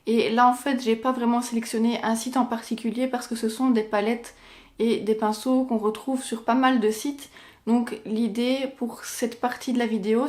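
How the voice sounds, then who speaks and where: A woman's voice: a little high, darkish tone. Chatty woman beauty vlogger. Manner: chatty, many fillers like "donc" and "ben". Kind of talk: casual chat.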